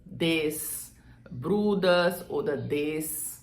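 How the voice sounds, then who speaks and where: A Brazilian woman teaching German grammar and saying example sentences slowly for the viewer to repeat. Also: low-pitched, expressive, roomy sound. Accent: Brazilian Portuguese. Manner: slow, drawn-out model sentences for repeating. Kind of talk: language lesson.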